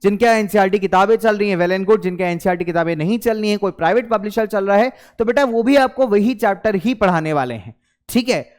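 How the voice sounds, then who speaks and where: High, resonant-voiced man teaching. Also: quick pace. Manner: coaxing, repeats key points, mixes English phrases into Hindi. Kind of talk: study-tips lesson to schoolchildren.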